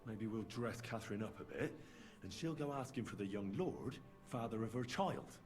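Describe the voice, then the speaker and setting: A man's voice: fairly low pitch, very animated, normal speed, a little mellow, faint music behind. A confident, scheming male investigator. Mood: assured. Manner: assured, persuasive. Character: confident, reassuring investigator laying out a trap. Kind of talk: conversational video game dialogue.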